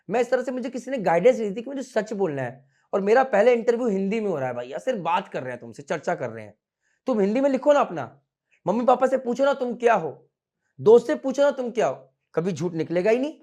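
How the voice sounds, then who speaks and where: A man in his thirties with a fairly high voice coaches students in a classroom. His delivery is animated, jumping between quick bursts and slow, deliberate stretches, and between loud and soft. He mixes Hindi and English freely and teases his students now and then. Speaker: merchant navy coaching instructor. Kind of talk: casual Hindi-English teaching talk. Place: classroom with students standing behind.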